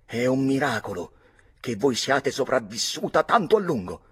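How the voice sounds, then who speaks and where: A man's voice: medium pitch, animated, moderate pace, a little mellow, slightly rough, pitched above the performer's own voice. A man playing a wounded young nobleman who answers with weary mockery. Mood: sneering. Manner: mocking, sardonic.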